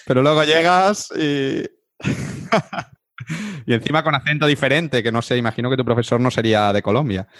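A man's voice: medium pitch, moderate pace, fairly bright tone, dry recording, studio quality. A man hosting a podcast who prompts his guest with casual, friendly questions. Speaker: podcast host.

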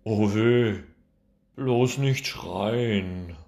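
Storybook tantrum: a tiny furious girl who shrieks high and loud, as a man puts her on. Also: extremely slow, gravelly, full character voice. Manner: shrieking, screaming. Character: small furious young girl, stubborn and loud.

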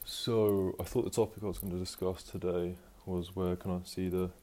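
Low, flat-voiced man podcasting at home. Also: moderate pace. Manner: rambling, many fillers and restarts. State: out of breath. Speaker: podcast host. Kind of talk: casual solo podcast monologue. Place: at home, moving around the house.

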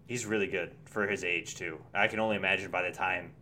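Male sports podcast panelist, low register, sharp forceful tone, casual chat. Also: steady tone, quick pace.

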